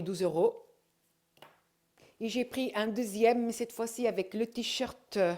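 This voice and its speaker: A middle-aged woman chatting casually at home as she shows off a shopping haul, hesitating often with drawn-out fillers. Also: mid-range voice, mellow. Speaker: vlogger showing her shopping haul.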